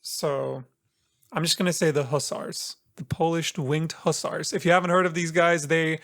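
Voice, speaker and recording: A man co-hosting a podcast, telling a story in a chatty, relaxed way with playful asides. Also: fairly high pitch, normal speed. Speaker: podcast co-host presenting the episode's story. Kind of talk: casual podcast chat.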